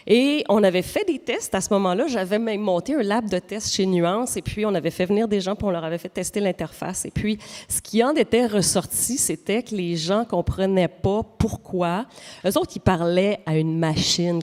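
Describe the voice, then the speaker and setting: A woman's voice: medium pitch, a little mellow. A middle-aged woman with a Quebec French accent, explaining at length on a panel with many fillers and anecdotes. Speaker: AI company representative. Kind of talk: panel answer to audience question. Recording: long reverb of a hall.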